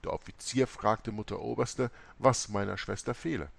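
A man reading a first-person memoir aloud, telling it in a dramatic, expressive way. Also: on the low side, normal speed, gravelly, no room sound. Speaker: audiobook reader.

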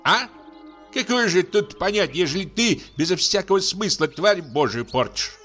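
A man voicing a pompous, sanctimonious landowner gentleman who scolds in a high, drawn-out tenor. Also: expressive, soft background music. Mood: scolding.

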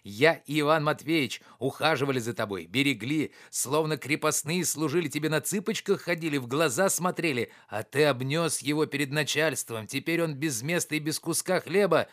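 A man reading an audiobook, voicing a loud, boorish, quarrelsome middle-aged man who shouts and blusters. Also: on the high side, normal speed, hardly any pauses, close to an everyday voice. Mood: shouting.

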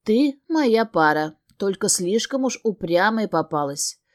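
A woman's voice: mid-range voice, measured pace, lightly acted. [name], a woman voicing a smug immortal male suitor. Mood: insistent. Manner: calm, smug, insistent. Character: possessive immortal winged male suitor, self-assured.

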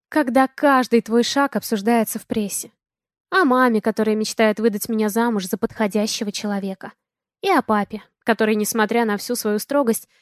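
A young woman narrating a romance novel in the first person with a lively, expressive reading. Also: mid-range voice, no room sound, clean studio sound. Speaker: audiobook narrator.

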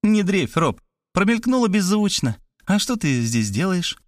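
A man's voice: high voice, very animated, a little slow, dry recording, studio quality, voice pushed up. A male reader voicing a capricious, cheeky young woman who talks in a whiny, sulky drawl.

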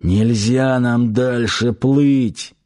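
A man voicing a drunk middle-aged hunter who rants slowly and slurs his words. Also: medium pitch, fairly even intonation, a little mellow. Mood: mumbling. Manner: slow, slurred and ranting.

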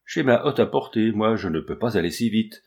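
A man's voice: fairly low pitch, expressive, brisk, creaky. A man voicing a poor, elderly female ragpicker who talks brusquely but turns kind. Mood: gruff, coaxing. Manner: brusque scolding that softens into kindness.

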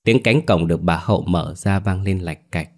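Deep-voiced man narrating a horror story. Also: normal speed, a little mellow.

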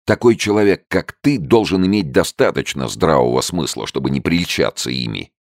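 A man's voice: rumbling low, animated, moderate pace, vocal fry, no room sound, clean studio sound, pitched above the performer's own voice, full character voice. A man voicing a young male soldier who argues heatedly and insistently. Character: agitated young male soldier, pushy persuader.

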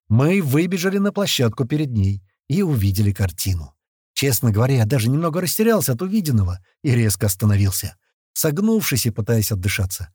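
A man narrating an action novel as an audiobook, reading in a lively, animated way. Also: mid-range voice, breathy edge, no echo, studio quality.

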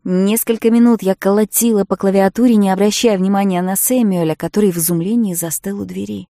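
A woman reading an audiobook in the first person, expressive, moving between hushed and loud passages, close to the mic. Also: mid-range voice, a little fast, no room sound. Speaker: audiobook narrator. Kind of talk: scripted narration.

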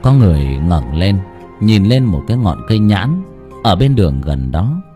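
A man's voice: low voice, big pitch swings, moderate pace, warm tone, faint music behind. A man narrating a dramatic story as an audiobook reader, with emotive delivery.

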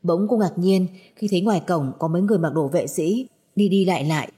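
A woman narrating a spoken audio story in an even storytelling delivery. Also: on the low side, fast talker, breathy edge.

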